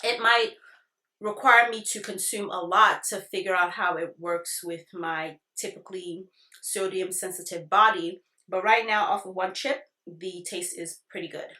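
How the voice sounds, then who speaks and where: A woman's voice: fairly low pitch, steady tone, measured pace, sharp tone. A woman giving a casual product review, chatting directly to her viewers in an informal way. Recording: echoey, roomy sound.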